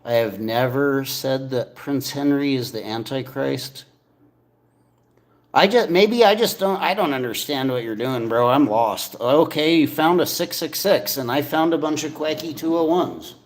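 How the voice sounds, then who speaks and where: A man's voice: medium pitch, a little slow. Man rambling in an echoing, tunnel-like room. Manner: informal, swearing, rambling argumentative talk. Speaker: streamer. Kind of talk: casual livestream debate with chat. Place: echoey indoor space.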